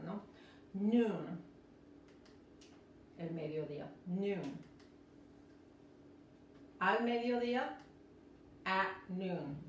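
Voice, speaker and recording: A woman teaching a live-streamed English lesson, explaining slowly and repeating each word several times, with American English when she models words. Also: mid-range voice, a little hiss or hum. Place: indoor room, live stream. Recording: roomy echo from a distant mic.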